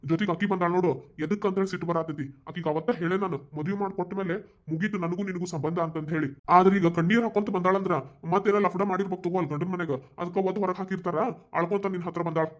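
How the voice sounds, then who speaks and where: A man's voice: high-pitched, fairly even intonation, rapid-fire, natural voice. A man voicing a stern, bitter cartoon father. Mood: scolding. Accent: North Karnataka Kannada. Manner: scolding, grumbling. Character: stern, resentful middle-aged father. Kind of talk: cartoon voice acting. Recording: dull lo-fi recording.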